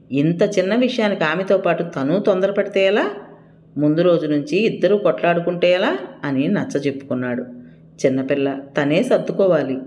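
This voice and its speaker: A storyteller reading an audio story aloud with steady scripted narration. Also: medium pitch.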